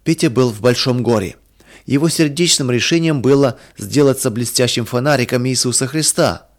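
A man narrates a children's storybook in a calm, steady way, reading from a script. His voice sits at an ordinary middle pitch for a man. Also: moderate pace. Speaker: reader of children's stories.

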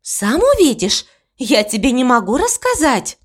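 A woman reading an audiobook voices Death as a young female trainee, brisk, bossy and matter-of-fact. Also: high voice, huge pitch swings, exaggerated voice.

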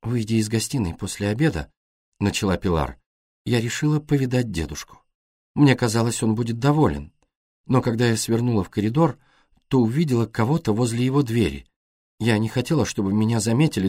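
A man's voice: mid-range voice, a little mellow, breathy edge, dry recording, clean studio sound. A man reading and voicing a frightened, emotional young foreign woman in an audiobook, speaking in a pleading, breathless way.

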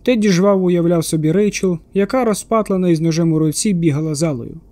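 A man reading an audiobook thriller in a steady, measured narration. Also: high-pitched, no room sound.

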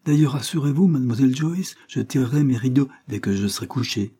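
A man's voice: mid-range voice, expressive, brisk, warm tone, breathy edge, voice pushed up. A man reading aloud voices a brusque, stern old spinster who scolds curtly. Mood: stern scolding. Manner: curt and scolding.

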